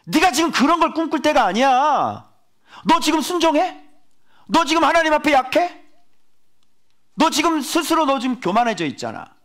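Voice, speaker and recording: A man's voice: very high-pitched, bright, forceful tone, voice pushed up, full character voice. A man putting on the voice of God rebuking a proud believer, firm and pointed. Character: stern fatherly God scolding a proud believer.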